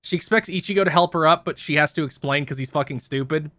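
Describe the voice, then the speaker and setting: A man with a bright, forceful tone and a fairly high voice runs through episode plots in casual, profane podcast chat. His recording is close and very dry. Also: fast talker, dry recording. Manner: rambling plot recap with frequent profanity and laughs. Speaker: podcast co-host recapping episodes.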